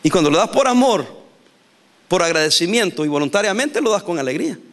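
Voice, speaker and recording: A male pastor preaching a sermon in a lively, animated way, laughing and acting out quotes. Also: high voice, a little fast.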